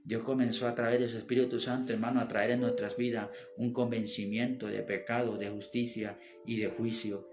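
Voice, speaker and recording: A man's voice: mid-range voice, level tone, a little fast, hardly any pauses. Fervent preacher man over music. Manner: fervent, repeats "mi hermano", quotes scripture. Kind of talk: sermon. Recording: music playing behind.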